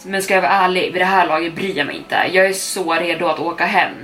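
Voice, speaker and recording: A young adult woman narrates a first-person horror tale in steady storytelling mode. Her voice sits on the lower side, and she picks up speed through the tense stretches. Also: slight background noise. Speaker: podcast storyteller.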